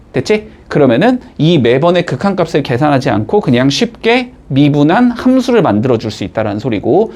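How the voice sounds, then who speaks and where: With a fairly high pitch and a darkish tone, a man explains math step by step as in a classroom. He checks in with his students constantly, asking short questions.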